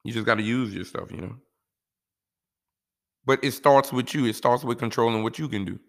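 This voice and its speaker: A man's voice: medium pitch, moderate pace. A man talking casually and giving life advice in a laid-back, rambling way, often saying "you know".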